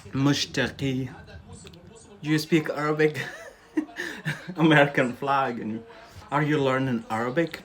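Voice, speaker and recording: This time the non-native English teacher sounds mid-range and a bit bright as he streams live. He talks with his audience in a relaxed way, laughing often and ending lines with "yeah?".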